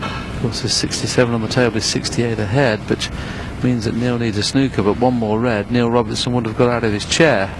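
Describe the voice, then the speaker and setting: A man giving hushed, low-key snooker commentary in a measured, unhurried, analytical way. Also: fairly even intonation, noisy background.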